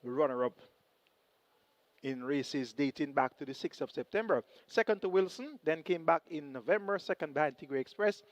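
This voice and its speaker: A man's voice: a little high, expressive, normal speed, no room sound. A Jamaican man giving race preview commentary as a horse racing analyst. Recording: dull, band-limited broadcast audio.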